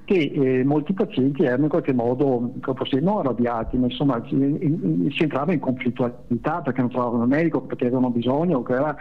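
Male phone-in guest on speakerphone, indignant, halting delivery, narrow phone-line sound, mid pitch. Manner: indignant, stammering restarts. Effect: on speakerphone over a phone line.

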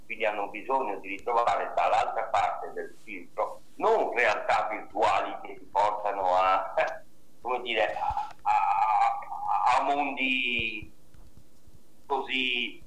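A man phones in on speakerphone, so his voice comes through distant and echoey. His voice is lowish but bright and forceful. He lectures earnestly and keeps tripping over repeated syllables. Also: slow pace, a little hiss or hum. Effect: on speakerphone, sounding distant. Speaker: radio call-in caller; works with young people. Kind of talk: opinionated call-in talk.

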